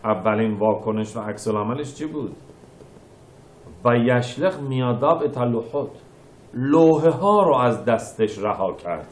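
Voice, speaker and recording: A man giving a sermon as a rabbi, reading verses and explaining them phrase by phrase, moving between quiet explanation and loud emphatic bursts. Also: mid-range voice, lively intonation, reverberant. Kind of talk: sermon teaching scripture.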